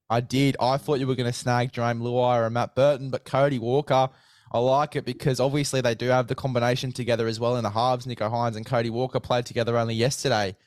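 Smooth-voiced man hosting casual sports chat. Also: mid-range voice, steady tone, brisk, no room sound. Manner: matey, slangy. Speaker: podcast host.

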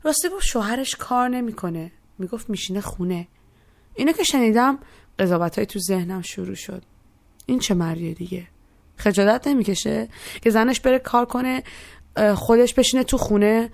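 Young woman telling her own story, thoughtful, a bit high voice. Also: creaky, a little mellow, dry recording. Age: young adult. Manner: reflective, quotes others in voiced asides. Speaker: narrator. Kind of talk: first-person storytelling.

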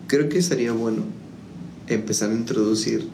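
A music school founder tells his story in a relaxed interview, his brisk, gravelly, lowish voice full of fillers and restarts. The room is echoey, with faint noise behind him.

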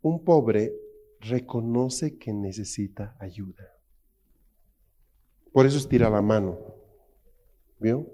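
Animated Mexican pastor with a mellow voice. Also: male voice, fairly low pitch, slow pace, pauses often. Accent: Mexican Spanish. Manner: animated, jokey, acts out quotes in funny voices; asks the crowd constant rhetorical questions. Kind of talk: sermon.

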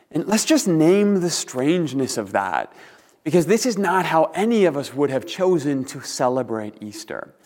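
A man preaching a sermon as a pastor, speaking in deliberate, earnest phrases with rhetorical pauses, in a large empty room. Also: mid-range voice, a little mellow. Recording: reverberant empty hall.

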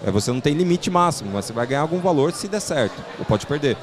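A man's voice: fairly high pitch, animated, fast, noisy background. A man with a Brazilian Portuguese accent giving informal, explanatory interview answers as a podcast guest, often tagging on little check questions. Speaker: podcast guest, startup investment platform founder.

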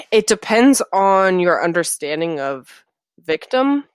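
Low-voiced young woman talking films. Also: sing-song, takes it slowly, smooth, no echo. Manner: chatty, analytical, swears casually. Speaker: podcast co-host. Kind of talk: casual film discussion.

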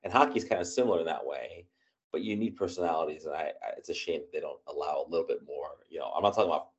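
A man co-hosting a casual podcast chat who gives strong opinions and makes quick, jokey comparisons. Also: very deep voice. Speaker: podcast co-host. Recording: dull lo-fi audio.

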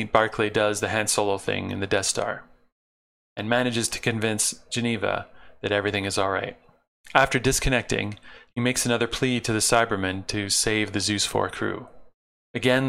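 A man with a low, gravelly voice walks through an episode plot in a relaxed recap, stopping for dry, sarcastic asides. His tone has a sharp, forceful edge. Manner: wry sarcastic asides between plot summary.

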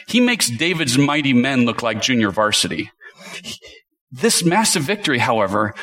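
A man's voice: medium pitch, sharp tone. A man preaching a sermon, reading scripture aloud and building to rhetorical questions with emphatic delivery.

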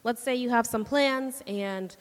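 A woman with a fairly high, slightly slow voice gives a casual, chatty sermon in a church hall, laughing often and checking in with listeners by asking "right?". The recording carries a long hall reverb.

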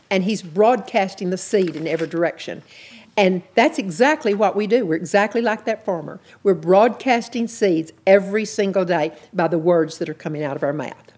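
A woman's voice: mid-range voice, a little mellow. A woman teaching a sermon in an earnest, plainspoken way, repeating her key points. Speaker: Bible teacher.

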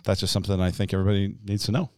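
Deep-voiced man giving a devotional talk. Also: little pitch movement, darkish tone, clear, resonant tone, no echo, studio quality. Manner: earnest, unhurried teaching with fillers. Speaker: podcast co-host.

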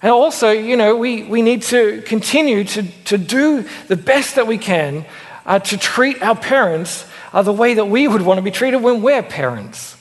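A young man preaching a sermon in a conversational, animated way with self-deprecating asides. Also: high-pitched, normal speed. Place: church. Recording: long church reverb.

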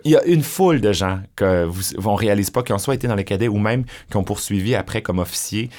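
A man's voice: fairly low pitch, quick pace. A middle-aged man with a Québécois French accent, chatting as an interview guest and telling stories with lots of fillers. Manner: chatty, animated storytelling with many fillers. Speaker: drag performer, guest. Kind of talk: conversational interview.

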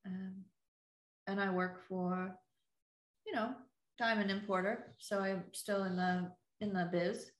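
A woman's voice: medium pitch, steady tone, slow, reverberant. A woman guest on a podcast, telling stories in a laid-back chat and often trailing off mid-sentence. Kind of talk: casual chat.

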